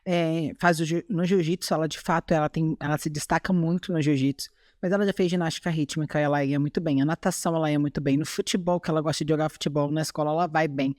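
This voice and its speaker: Mulher falando com sotaque brasileiro. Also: female voice, deep voice, fairly even intonation, quick pace, a little mellow, dry recording, studio quality. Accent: Brazilian Portuguese. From Chile. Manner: earnest, tags remarks with "sabe?". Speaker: guest, bodybuilding athlete. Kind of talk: podcast interview, casual chat.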